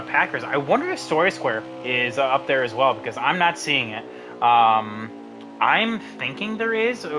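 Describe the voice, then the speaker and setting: A young man with a sick voice giving casual, filler-heavy live commentary on an online sim race. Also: medium pitch. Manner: casual, many fillers, excited at race finish.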